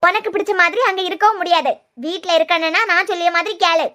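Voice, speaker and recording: A cruel, scheming young bride-to-be from a cartoon serial, voiced by a woman, speaking in a Kanyakumari Tamil accent. Her voice sits very high and shrill. She scolds and threatens in a sneering, bossy way. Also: fairly even intonation, fast, bright, forceful tone. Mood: threatening.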